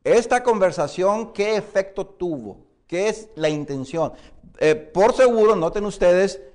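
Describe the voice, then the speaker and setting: A man teaching a Bible interpretation course to a class, questioning students often and pausing with fillers. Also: high voice, expressive, a little mellow. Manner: explains with many questions to the class and "hermanos"; hesitant, frequent "eh" fillers and restarts. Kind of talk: classroom lecture.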